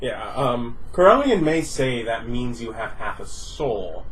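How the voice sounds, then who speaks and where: A man improvising narration as game master, in a conversational, halting way. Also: mid-range voice, big pitch swings, a bit bright. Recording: distant mic with faint room noise.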